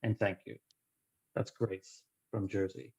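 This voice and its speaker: A man's voice: fairly low pitch, steady tone, slow pace, gravelly, darkish tone, husky. A man moderating a panel over a video call, reading out audience questions to the guests. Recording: dull lo-fi audio.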